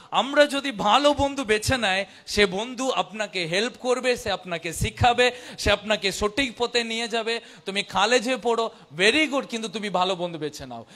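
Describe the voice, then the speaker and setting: Male preacher, high pitch, foreign learner's accent in Bengali, non-native speaker, exhorting, repetitive, rhetorical questions. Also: a bit bright. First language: not Bengali, learned it as an adult language. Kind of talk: sermon.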